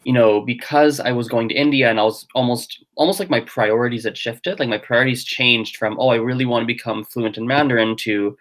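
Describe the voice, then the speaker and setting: This young adult man, a native Gujarati speaker, has a mid-range, fairly bright voice and talks a little fast with few pauses. He's a language teacher and podcaster appearing as a guest in a casual interview, thinking aloud and using lots of fillers.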